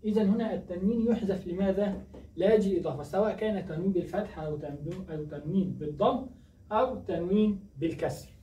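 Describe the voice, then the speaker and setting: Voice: medium pitch, quick pace, mellow. Teacher quizzing and answering themself. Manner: asks questions and answers them, repeats key words. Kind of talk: grammar lesson. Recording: echoey distant dull recording, faint noise.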